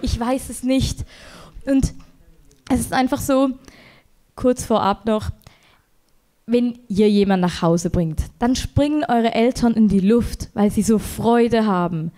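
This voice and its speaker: A young woman performs a stand-up set into a handheld mic on a club stage. Her voice sits a bit high. She rambles and runs herself down, and her pitch jumps up sharply when she gets exasperated. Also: slow, long pauses, warm tone. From Switzerland. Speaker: stand-up comedian.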